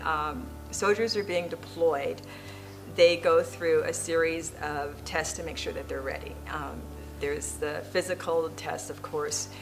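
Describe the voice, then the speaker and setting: A woman military chaplain describing her uniform and duties in a calm, explanatory interview manner. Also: lowish voice, low-quality recording. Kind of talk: interview testimony.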